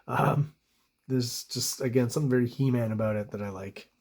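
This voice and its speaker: A man's voice: medium pitch, fairly even intonation, moderate pace, a little mellow, slight background noise. A man with an ordinary mid-range voice talks through comic book pages in a loose, casual way. He rambles, gropes for the right word and leans on ums and you-knows, but his enthusiasm for the artwork comes through. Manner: rambling, searches for words, frequent ums; enthusiastic about the art. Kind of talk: casual review commentary.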